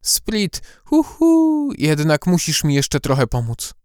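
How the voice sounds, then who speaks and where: A man's voice: medium pitch, sing-song, normal speed, a little mellow, no echo, clean studio sound, lightly acted. A man voicing a clever female owl-like warrior who hoots, coaxes and stays firm in an audiobook. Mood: wheedling. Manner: hooting, coaxing, firm. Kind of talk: audiobook character voice.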